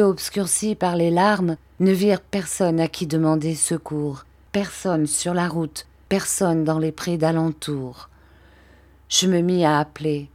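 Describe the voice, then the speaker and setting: A woman narrates a classic storybook in a low, deep-set voice. She reads slowly and clearly, letting each phrase settle. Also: darkish tone. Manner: slow, clear reading. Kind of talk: storybook reading.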